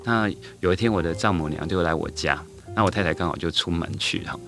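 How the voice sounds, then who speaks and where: A man's voice: low-pitched, fast, bright, forceful tone, soft background music. A middle-aged man, a teacher guest on a podcast, tells a story unhurriedly, with many hesitant fillers and restarts. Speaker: guest, elementary school teacher.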